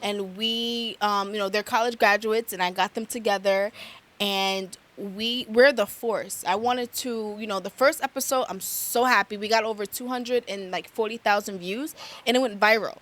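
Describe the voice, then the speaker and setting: A woman's voice: medium pitch, fairly even intonation, normal speed, fairly bright tone. Chatty woman with a Long Island accent, guest on a casual interview show, lots of fillers and restarts. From Long Island, New York. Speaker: guest, media host.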